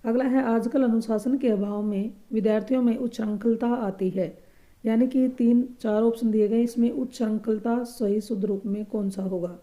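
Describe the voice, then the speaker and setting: A woman teaching a grammar lesson for exam preparation, patiently explaining answers and repeating each correct word slowly and softly. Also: on the high side, steady tone.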